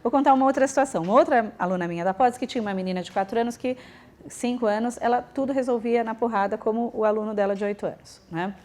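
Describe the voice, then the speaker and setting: A woman's voice: on the high side, quick pace. A woman lecturing teachers and parents, acting out what children and adults say. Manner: lively, acts out quoted children and adults.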